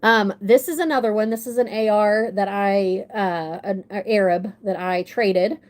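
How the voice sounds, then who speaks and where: A woman's voice: mid-range voice, measured pace. Gushing woman on a livestream. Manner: gushing, excitable, rambling with many restarts. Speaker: model horse collector hosting a livestream. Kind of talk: casual livestream chat.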